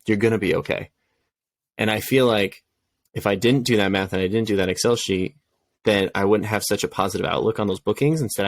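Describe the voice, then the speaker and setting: A man's voice: sits low, vocal fry, no echo. A young adult man co-hosting a casual podcast, telling his own story in a candid, reflective way. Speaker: podcast co-host.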